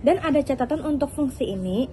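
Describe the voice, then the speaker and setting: A woman's voice: high voice, brisk, slight background noise. Young woman steadily reading a lesson script. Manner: steady, reads prepared text. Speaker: student presenter. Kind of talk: read-aloud explanation.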